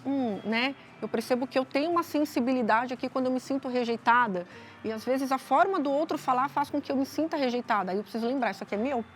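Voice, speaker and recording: A woman with a Brazilian accent, a psychologist guest explaining calmly on a talk show, often adding tag questions. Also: high voice. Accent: Brazilian Portuguese.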